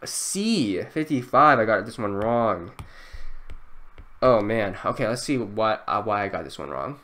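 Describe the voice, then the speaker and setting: A young man thinking aloud through a timed test, frantic and self-mocking, now and then breaking into loud outbursts. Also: fairly low pitch, very animated, unhurried. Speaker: youtuber.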